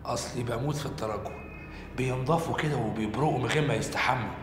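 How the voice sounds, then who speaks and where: A man's voice: medium pitch, very fast, lightly acted. A man playing a brash, boastful Egyptian crook. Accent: Egyptian Arabic. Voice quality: brash, wheedling, show-off. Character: cocky boastful male petty crook, flirtatious. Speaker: actor in a TV comedy series. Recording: echoey set with music behind.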